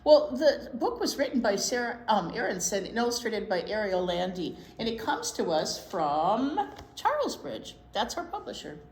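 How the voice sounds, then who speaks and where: At a library storytime, a woman reads a picture book aloud to young children in a medium-pitched, animated voice. She pauses to wonder aloud and ask her young listeners questions. The room is echoey, and the background noise is clear.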